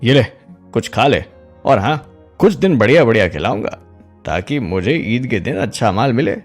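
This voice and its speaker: A man's voice: medium pitch, expressive, moderate pace, slightly rough, soft background music. A man playing a sly greedy goat thief. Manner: wheedling, sly, mocking.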